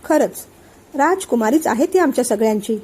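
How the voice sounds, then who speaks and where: A woman voicing a calm older man who patiently explains and soothes his friend. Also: fairly high pitch, moderate pace, slightly rough. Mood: calm, persuasive. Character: calm older male friend and family elder.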